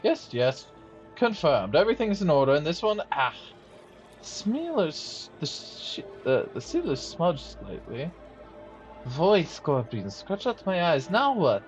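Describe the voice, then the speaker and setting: A man's voice: fairly high pitch, wildly swooping pitch, takes it slowly, muffled recording, faint music behind, exaggerated voice. A man reading aloud the lines of a fussy, pompous male imperial official from a game. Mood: officious.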